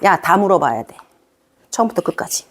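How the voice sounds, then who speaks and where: A middle-aged woman gives a lecture to parents in a chatty, teasing way. Her pitch swings widely as she fires questions at the audience. She is picked up on a mic in a hall. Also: very animated, brisk.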